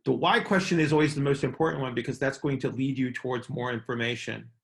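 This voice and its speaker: Talking fast in a steady, mid-range voice with some vocal fry, this middle-aged man runs a laid-back coaching call. His style is explanatory and emphatic, full of repeated key words and frequent "right?" check-ins.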